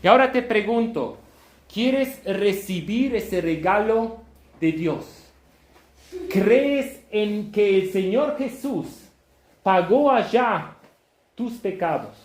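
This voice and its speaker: A man preaching a sermon, emphatic and half shouting, often checking in with listeners. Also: high-pitched, expressive, slow pace. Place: church hall. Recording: echoey church room.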